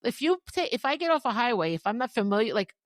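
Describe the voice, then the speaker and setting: Lively Long Island woman, chatty host. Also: a little high, quick pace, dry recording, studio quality. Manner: animated storyteller, restarts and repeats words. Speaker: podcast host. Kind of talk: casual chat.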